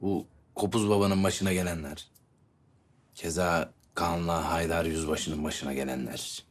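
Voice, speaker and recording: A young man playing an earnest, wry young soldier in a TV series, deadpan and ironic, with faint music behind. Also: low voice, unhurried. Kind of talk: TV series acting.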